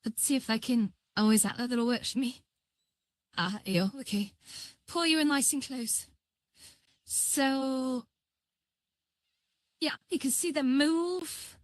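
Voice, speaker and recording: Higher-pitched female voice through a voice changer. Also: no echo, clean studio sound. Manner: halting, thinking aloud. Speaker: livestream tutorial host. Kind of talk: casual live software tutorial.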